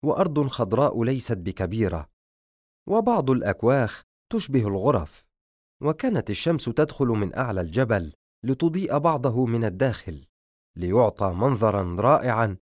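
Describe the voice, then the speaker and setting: A man's voice: mid-range voice, very animated, a little fast, a little mellow, no echo, clean studio sound. A man narrating a fantasy novel as an audiobook, telling the story expressively.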